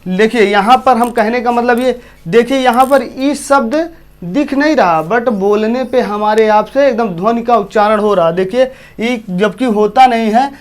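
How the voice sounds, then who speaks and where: A man's voice: very high-pitched, measured pace. A man teaching a class with a Hindi accent from eastern Uttar Pradesh, often repeating himself and asking his students questions. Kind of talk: classroom lesson.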